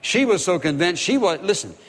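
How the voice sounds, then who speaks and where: A man's voice: sits high, very animated, fairly quick, in a large hall. A man preaching a sermon with emphatic, repeated phrases, acting out the voices of people in the Bible.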